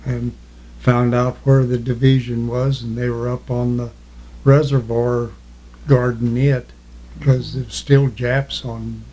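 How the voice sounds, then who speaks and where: Slow, mellow old veteran remembering. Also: male voice, mid-range voice, flat delivery, rough recording. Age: elderly, 80s or older. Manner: old veteran remembering, halting recall in short plain answers. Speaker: war veteran being interviewed. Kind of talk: reminiscing in an oral history interview.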